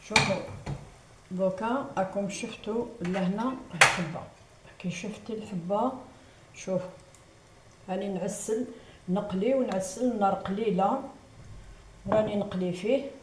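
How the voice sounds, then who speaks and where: Hosting a cooking show from her kitchen, a woman with an Algerian Arabic accent guides viewers through each step as she works. She speaks at a moderate pace with long pauses in a mid-range voice, and the room is echoey with background noise.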